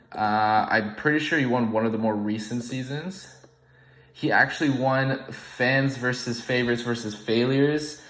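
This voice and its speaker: A young UK-born man hosts an online game, rambling casually in unscripted commentary full of ums and restarts. His voice is medium-pitched and a bit bright, heard in an echoey room with poor audio.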